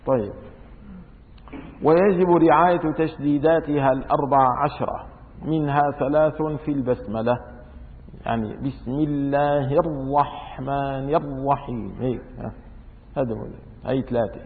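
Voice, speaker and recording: A man's voice: mid-range voice, normal speed, long pauses. A man giving a religious law lesson, reading a classical text and then explaining it in dialect, repeating words aloud to show how they are pronounced. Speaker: religious teacher. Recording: echoey hall over a tinny phone-like line.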